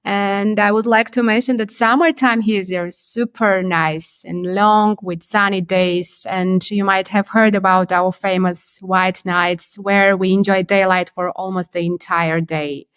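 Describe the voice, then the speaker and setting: Woman, measured and thoughtful. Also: mid-range voice, fairly even intonation, fairly bright tone, clean tone, no echo. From Armenia. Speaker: podcast guest, company CEO. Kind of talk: remote podcast interview.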